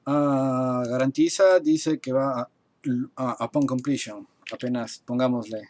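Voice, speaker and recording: A man teaching a live online class at his computer, explaining and translating terms slowly and step by step, with typing heard behind him. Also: mid-range voice, steady tone, darkish tone. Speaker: architect teaching construction English. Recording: faint noise and keyboard typing. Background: keyboard typing.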